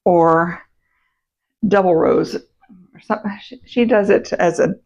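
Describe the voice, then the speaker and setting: A woman chatting casually to her camera as a vlog host, her voice still a little rough in the morning, meandering with fillers and self-corrections. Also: lowish voice, takes it slowly, darkish tone. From United States. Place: home, indoors. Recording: dull, muffled sound.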